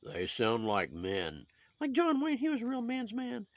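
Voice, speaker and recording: A high, reedy sock puppet with a crackly, gravelly edge lectures on and on, moralizing in a judgmental ramble. The sound is dry and close, with no room around it. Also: male voice, huge pitch swings, unhurried, no room sound, lo-fi sound, full character voice. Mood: preachy. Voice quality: high put-on voice.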